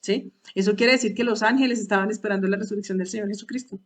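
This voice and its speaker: A woman's voice: mid-range voice, fairly even intonation, quick pace. A woman leading a Bible study talk for women, hesitant at times, repeating words and asking rhetorical questions.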